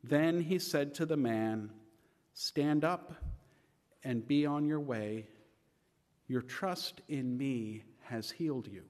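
A male pastor reading scripture aloud in a church service, slow and measured with lifted emphasis. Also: mid-range voice, darkish tone. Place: church sanctuary. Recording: long reverb of a church sanctuary.

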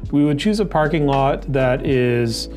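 Here a middle-aged drone instructor talks a bit slowly at medium pitch, guiding viewers through regulations shown on screen. His conversational tutorial has him asking and answering his own questions, recorded in an office near a window over background music.

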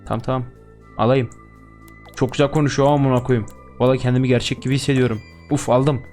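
A man's voice: medium pitch, fairly even intonation, fast talker, darkish tone, soft background music. Crude joking young man gaming. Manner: crude, joking, swears constantly. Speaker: gaming YouTuber. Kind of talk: let's-play commentary.

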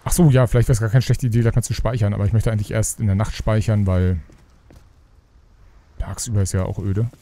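Man, let's play commentary, very dark mellow tone, rambling, muttered asides. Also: lowish voice, fairly even intonation, a little fast. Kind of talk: casual gaming commentary.

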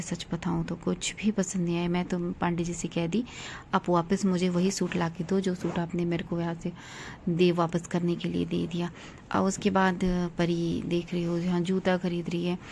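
A woman's voice: fairly low pitch, vocal fry, mellow, slight background noise. A woman in her thirties chatting casually to her viewers as friends in a family vlog. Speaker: family vlogger.

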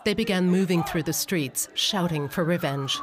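A documentary narrator reading a calm, even, scripted narration. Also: mid-range voice, normal speed. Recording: narration over music and crowd noise.

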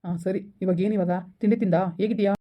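Skit: woman playing a pleading boyfriend, rapid-fire talk through a tinny phone line. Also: medium pitch, fairly even intonation, close to an everyday voice. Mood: coaxing. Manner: pleading, explaining over and over. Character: pleading young man, apologetic boyfriend. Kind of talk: village skit phone-call acting.

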